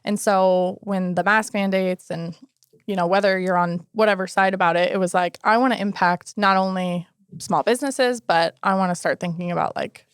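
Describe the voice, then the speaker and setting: A woman's voice: mid-range voice, normal speed, clean tone, no room sound, studio quality. A woman in her early thirties, a guest in an interview, telling her story in a casual way and acting out quoted remarks along the way. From Alaska, United States. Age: 30s. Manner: storytelling, animated quoted asides. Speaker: guest, city housing and homelessness coordinator.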